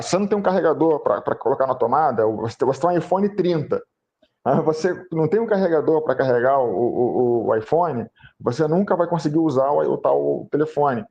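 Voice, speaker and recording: Mellow man explaining with car comparisons. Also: on the high side, gravelly. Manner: explains with extended car and phone comparisons, repeats his points. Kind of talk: live panel talk on sales. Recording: dull lo-fi stream audio.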